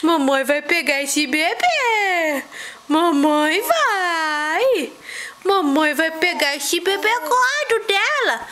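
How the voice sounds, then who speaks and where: Sing-song mother in high baby talk. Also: sing-song, drawn-out words, sharp tone, slight background noise. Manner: sing-song, playful, teasing.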